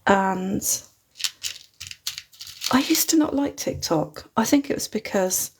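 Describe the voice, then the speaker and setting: Hosting a live crafting stream from her desk, a British woman with a non-London accent chats and rambles, chuckling often. Her medium-pitched voice is animated and slow, with slight background noise, picked up by a phone mounted overhead.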